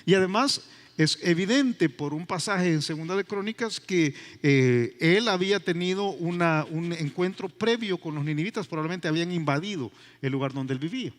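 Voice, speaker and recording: A male pastor delivering a sermon in an emphatic, animated manner, full of repetition and rhetorical questions. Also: on the high side, moderate pace. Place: church.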